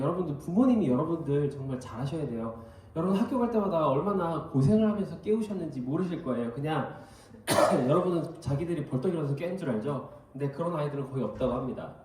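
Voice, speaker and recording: A man preaching a sermon as pastor, telling everyday stories in an animated way. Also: on the high side. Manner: animated storytelling with anecdotes. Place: church hall. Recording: very echoey hall, mic at a distance.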